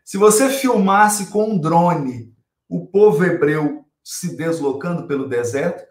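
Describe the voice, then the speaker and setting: A man's voice: fairly high pitch, lively intonation, measured pace, darkish tone, reverberant. A Brazilian man giving a spiritual lecture on scripture, emphatic, repeating key phrases and asking rhetorical questions.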